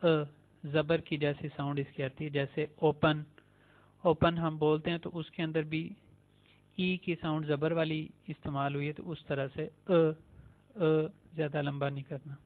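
A man teaching a beginner language lesson, saying each letter slowly and repeating it several times. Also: fairly high pitch, level tone. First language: Urdu. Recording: tinny phone-like sound.

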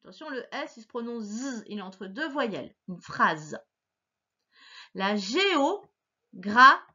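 Patient woman teaching phonics, lively pitch. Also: breathy edge, muffled recording. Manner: patient, slow and encouraging, stressing each sound. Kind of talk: recorded phonics lesson for a child.

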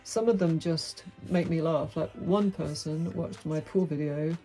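A middle-aged woman vlogger with a deep, dark-toned voice speaks at a measured pace, delivering a frank, outspoken, wry monologue to camera. She sits in a small, dim room with a brick wall, faint music plays behind her, and the audio is poor.

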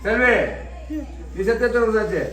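A man's voice: extremely high pitch, fairly quick, a bit bright. A man leading an exorcism ritual, a priest who commands and repeats his questions insistently. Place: shrine. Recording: echoey room, distant mic.

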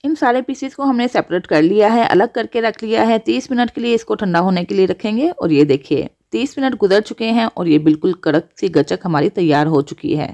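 A woman's voice: mid-range voice, expressive, a little fast, gravelly, few pauses, mellow. A woman hosting a cooking channel, explaining each step of a recipe to viewers. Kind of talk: voice-over recipe instruction.

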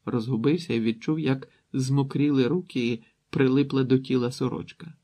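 A man narrating an audiobook in a calm, even storytelling manner with a raspy voice. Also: mid-range voice, moderate pace. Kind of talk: scripted narration.

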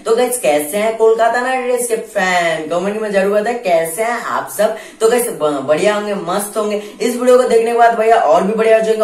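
An excitable young man hosts a casual cricket news vlog and rattles off updates at a quick clip. He talks straight to camera with his hands folded, from a bit back from the mic. The indoor room adds a hollow echo. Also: high voice, distant mic. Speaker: cricket YouTuber. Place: indoor room with a plain backdrop.

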